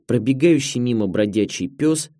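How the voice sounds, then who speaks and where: A man narrating a memoir audiobook in a measured, expressive storytelling manner, recorded on a close studio mic. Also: medium pitch, dry recording.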